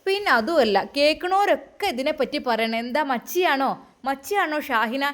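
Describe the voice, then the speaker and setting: A domineering older mother-in-law nags and taunts in a thick Malappuram accent, as a woman puts her on. Her voice sits high and carries hard, pressing every demand. She sounds like a figure from a homemade family story drama. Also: expressive, normal speed. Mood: scolding. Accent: Malappuram Malayalam. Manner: loud, nagging and taunting. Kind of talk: amateur story drama reading.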